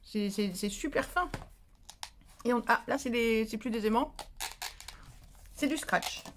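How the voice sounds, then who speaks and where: A woman's voice: a little high, unhurried, slight background noise. A woman hosting a casual unboxing vlog for her crafting channel. She gushes, repeats herself and talks to her viewers while she opens a parcel. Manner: gushing, excitable, repeats herself.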